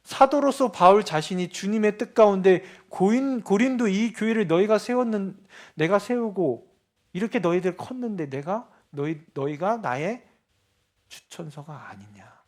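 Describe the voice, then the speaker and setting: A male pastor preaching a sermon, asking the congregation rhetorical questions and swinging between soft asides and loud, emphatic declarations. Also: high-pitched, expressive, moderate pace.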